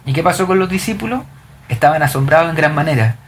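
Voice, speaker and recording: Her voice is low-pitched, animated, and quick as she runs a group Bible study. A slight hiss or hum sits under the audio while she reads passages aloud, explains them, and quizzes the group.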